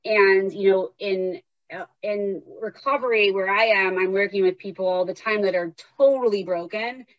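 A woman speaking candidly in a conversation, telling personal stories in a lively, animated way. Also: medium pitch, normal speed, dry recording. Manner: lively, animated, acts out inner voices. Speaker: guest author and recovery worker. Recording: dull, dry lo-fi sound.

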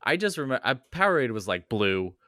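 A man hosting a podcast, chatting casually and narrating a story, laughing easily with animated riffs. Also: mid-range voice, quick pace, no room sound, studio quality.

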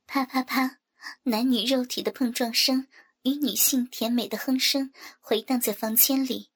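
A woman narrating a scripted adult audio story in a soft, even delivery. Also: fairly high pitch, normal speed.

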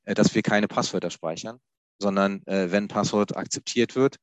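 A man's voice: on the low side, steady tone, moderate pace, no echo. A man explaining password security in a conversation, with frequent hesitations and restarts. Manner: hesitant, many fillers and restarts. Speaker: IT security expert guest.

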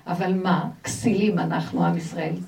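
A woman teaching a religious lecture to a group, expressive and asking the audience rhetorical questions. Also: fairly low pitch, distant mic, a little hiss or hum. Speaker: Torah teacher.

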